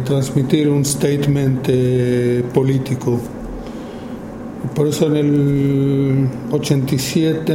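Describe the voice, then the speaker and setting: A man in his fifties from Argentina with an Argentine Spanish accent, speaking informally to an audience about his work, slowly and with many pauses and fillers. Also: medium pitch, reverberant, background noise. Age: 50s. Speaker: photographer giving a talk.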